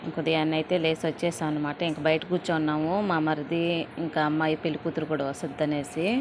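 Chatty middle-aged woman vlogger, low voice. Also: little pitch movement, fast. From Andhra Pradesh. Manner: chatty, runs sentences together with frequent filler connectives. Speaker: family vlogger. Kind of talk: casual vlog narration. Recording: noisy background.

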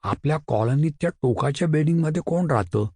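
Brief: man reading an earnest boy friend, plain and hushed-urgent. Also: a little high, lively intonation, quick pace, slightly rough, dry recording, pitched above the performer's own voice. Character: earnest schoolboy friend sharing news.

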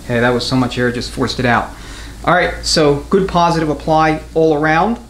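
In an echoey indoor garage with clear background noise, a transmission mechanic who instructs walks through a practical tutorial in a matter-of-fact, chatty manner. He speaks at a normal speed with a steady tone and a voice pitched a little high.

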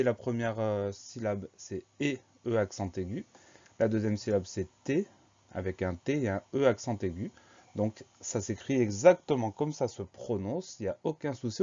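A man's voice: mid-range voice, warm tone, muffled recording. Man patiently spelling words aloud. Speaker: teacher. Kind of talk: spelling lesson.

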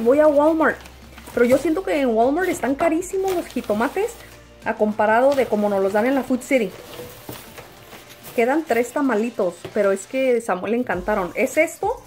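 A young woman talks casually to her phone camera, chatty and warm in tone, her voice sitting a little high. She slips English words into her talk now and then. Faint music plays underneath. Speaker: vlogger. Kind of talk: casual vlog chat. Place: Tucson, Arizona.

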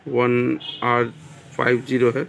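A man with a Bihari Hindi accent talks viewers through a TV repair at his workbench. His voice is gravelly and stays flat. The sound comes from a phone recording with faint background noise. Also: medium pitch, takes it slowly. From India. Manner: plain, step-by-step explaining, addresses viewers as friends. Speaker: TV repair technician. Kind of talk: repair tutorial narration.

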